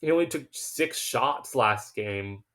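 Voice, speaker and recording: Man, sports picks host, emphatic, confident, stumbles over words, mid pitch. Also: takes it slowly. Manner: emphatic, confident, self-assured; stumbles and restarts when excited. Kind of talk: casual betting picks monologue.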